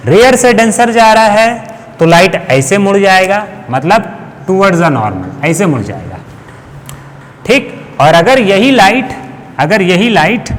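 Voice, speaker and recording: A man's voice: high voice, big pitch swings, slow pace. A man teaches a physics lesson at a board. He explains step by step, often putting a question to the class and answering it himself. His voice rings in a reverberant room, with a faint hiss underneath. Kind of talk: classroom lecture.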